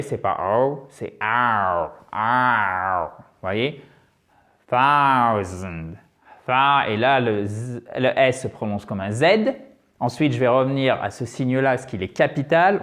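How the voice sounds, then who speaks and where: Speaking at medium pitch, a Frenchman leads an energetic, emphatic video lesson on English pronunciation and repeats sounds to show how they're made.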